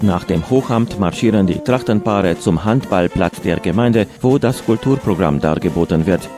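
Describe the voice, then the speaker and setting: A man's voice: sits low, expressive, normal speed. A man reading scripted narration for a news report in a formal, informative style. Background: loud music.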